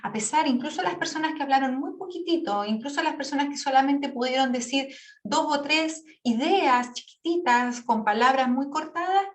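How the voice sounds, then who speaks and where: A woman teacher giving patient, explanatory feedback on an exam to her class, often checking in with the students. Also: high-pitched. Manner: patient, explanatory, checks in with frequent tag questions; demonstrates word pronunciation slowly. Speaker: English teacher.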